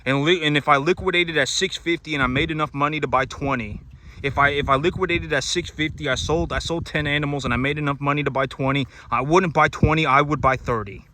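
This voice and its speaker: A man's voice: on the high side, fairly even intonation, fast talker, bright, forceful tone. A man who raises cattle, talking casually and emphatically to his audience, repeating points and restarting sentences often. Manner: repetitive, emphatic, many restarts and fillers. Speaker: cattle rancher vlogger. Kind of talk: casual monologue to camera.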